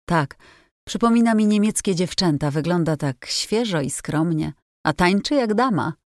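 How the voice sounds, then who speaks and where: A woman voicing a shy, well-mannered teenage boy in a storybook reading, courteous and gently amused. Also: lowish voice, animated, moderate pace, no room sound, studio quality, close to an everyday voice. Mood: polite.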